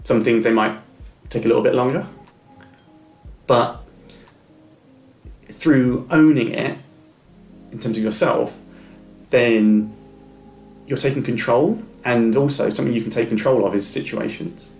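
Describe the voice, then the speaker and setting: Stammering through repeated words and restarts, a middle-aged interview guest offers sincere, encouraging advice in a reflective conversation. He speaks in a mid-range, creaky, darkish voice, unhurried and with long pauses, in an echoey room with faint music.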